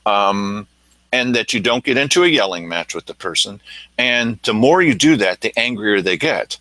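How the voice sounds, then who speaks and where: A man hosting a local news talk show, telling his stories in an animated way. His pitch swings widely. The sound is dry and close. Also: normal speed, no room sound, low-quality recording. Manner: animated storytelling, acting out quotes. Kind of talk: casual commentary chat.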